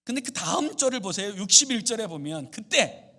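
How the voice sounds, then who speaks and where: A male pastor preaching in a high voice that climbs and falls with great animation. He builds to loud, fervent exclamations, then sinks into hushed, murmured lines, and the whole delivery stays theatrical. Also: big pitch swings, fairly quick. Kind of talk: sermon.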